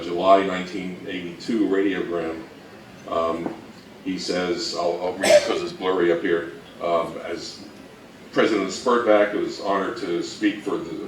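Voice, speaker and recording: Co-presenting a talk on the history of old-time radio, a low-voiced man addresses a live audience in an informal lecture. The recording captures him from far away in an echoey room, with a little background noise.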